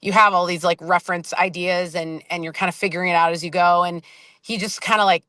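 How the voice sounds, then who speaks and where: Chatty woman, smooth dry voice. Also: lowish voice, fairly even intonation, quick pace, sharp tone, no echo. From Boston area, US. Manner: rambling, many fillers and restarts, laughs easily. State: just woke up from a nap. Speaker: band member, interview guest. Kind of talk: casual interview chat.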